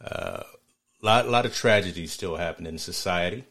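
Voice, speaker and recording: Low-voiced guy on a sports podcast, measured, thinks out loud, restarts a lot. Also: gravelly. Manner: thoughtful, measured, restarts phrases. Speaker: podcast co-host. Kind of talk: casual sports talk.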